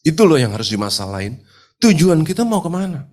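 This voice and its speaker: A man's voice: a little high, sing-song, a little fast, darkish tone. A man preaching a sermon at a live church service, his voice nasal from a cold, with an emphatic delivery. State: stuffy nose from a cold. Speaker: pastor.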